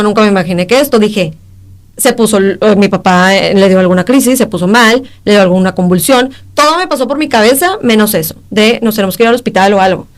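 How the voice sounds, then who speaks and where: A young woman with a Mexican accent, a podcast guest giving an emotional personal testimony in halting speech, acting out the exchanges she recalls. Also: medium pitch. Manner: emotional, halting retelling that acts out quoted exchanges.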